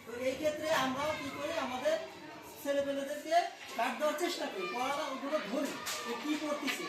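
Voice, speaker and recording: Woman, parent at a school meeting, high voice, earnest and long-winded, distant echoey noisy recording. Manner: earnest, explaining at length with restarts. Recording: echoey room, voice from far off, noisy.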